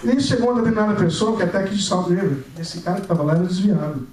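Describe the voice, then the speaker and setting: A young man preaching a sermon, telling a personal testimony with lively storytelling and acted-out dialogue, recorded in a church. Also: high voice, very fast. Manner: animated storytelling, acting out dialogue. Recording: echoey church hall, mic at a distance.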